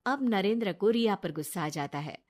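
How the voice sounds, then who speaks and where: A woman narrating a cartoon story in a plain, even way. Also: mid-range voice, moderate pace.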